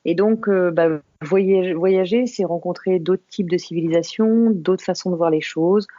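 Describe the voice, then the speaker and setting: A woman of about fifty from the Paris suburbs, a podcast guest talking about her life in a reflective, unhurried way, pausing and restarting often. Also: on the low side, warm tone, lo-fi sound. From Paris suburbs, France. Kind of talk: podcast interview conversation.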